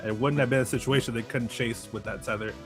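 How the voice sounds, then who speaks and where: A man co-commentating a competitive fighting game match in a casual tone, quick to react with exclamations. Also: medium pitch, fairly even intonation. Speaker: esports co-commentator. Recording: game music behind the voice. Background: game music.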